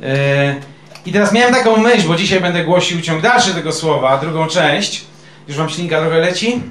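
A man's voice: fairly high pitch, lively intonation, normal speed, a bit bright. A male pastor preaching a sermon in a conversational way, quizzing his congregation with questions. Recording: echoey room.

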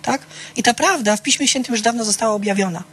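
A woman with a slightly high, somewhat bright voice and a breathy edge speaks fast while teaching a small church group conversationally. She asks questions, calls listeners by name, shares candid personal stories and keeps checking in with "tak?".

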